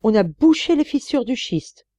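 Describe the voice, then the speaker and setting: A woman's voice: a little high, sing-song, moderate pace, dark tone, no echo, pitched above the performer's own voice. A woman voicing an urgent young miner. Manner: urgent, emphatic exclamations. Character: excited young male miner.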